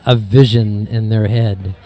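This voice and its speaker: A man with a mellow, dark voice answers interview questions. His sentences run long and wind around as he rephrases. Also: fairly low pitch, fairly even intonation, measured pace. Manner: long winding sentences with restarts. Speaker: photographer guest.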